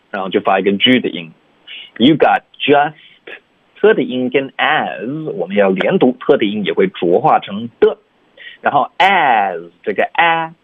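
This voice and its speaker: Husky male teacher over a tinny line. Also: lowish voice, no echo. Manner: patient, explains pronunciation step by step. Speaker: English teacher. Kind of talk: radio language lesson. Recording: tinny phone-like dry sound.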